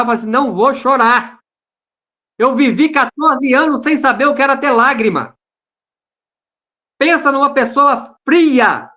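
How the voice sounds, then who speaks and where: A man's voice: very high voice, bright, forceful tone. A Brazilian man, a pastor, sharing his personal testimony in an online service over a video call, earnest and repeating phrases for emphasis. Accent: Brazilian Portuguese.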